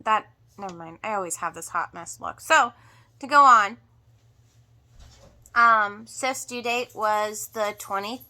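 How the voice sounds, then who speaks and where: A woman giving a casual homestead update to viewers in a halting way, sounding drained and emotional after surgery. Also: medium pitch, pushed and bright. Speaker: homestead vlogger.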